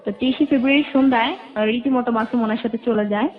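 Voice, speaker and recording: As an interview guest, a woman with a Bangladeshi accent tells her life story in detail, recreating remembered dialogue. Her voice is slightly high with fairly even intonation and a fast pace, and the audio is muffled and narrow like a phone line.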